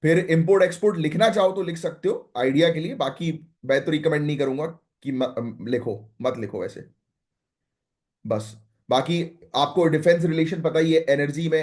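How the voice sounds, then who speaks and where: A young man giving an exam-prep current affairs lesson. His voice sits a touch high for a man. He talks loosely and directly, often checking in with his listeners. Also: moderate pace, a little mellow. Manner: conversational Hindi-English mix, frequent "है ना?" and "ठीक है"; direct, advising students what to note.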